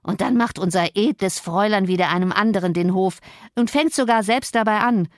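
A woman's voice: mid-range voice, fairly quick, no room sound, clean studio sound, natural voice. A woman reading the part of a spiteful, sanctimonious old male servant in a storybook. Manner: scolding, sanctimonious.

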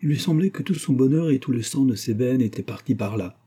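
Dark-voiced husky male narrator. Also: mid-range voice, expressive. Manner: measured, dramatic storytelling. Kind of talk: audiobook reading of a classic novel.

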